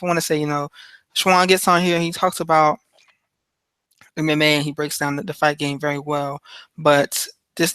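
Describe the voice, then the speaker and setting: A man hosting a solo podcast in a loose, rambling way, stopping for fillers and restarting sentences. His voice sits a little high and sounds bright and crisp. The recording is dry and close, with no room sound. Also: dry recording, rough recording. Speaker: podcast host. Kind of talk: casual solo podcast talk.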